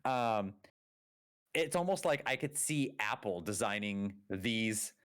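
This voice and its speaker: In casual conversation, this podcast co-host rambles with many fillers and self-corrections, taking it slowly. He has a low-leaning, bright, clear and resonant voice with lively intonation, in clean studio sound without room noise.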